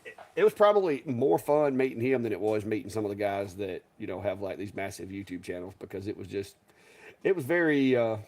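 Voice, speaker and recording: A man co-hosts a live stream with a lowish, creaky voice. He talks casually in a rambling, folksy way, restarting his sentences and chuckling along.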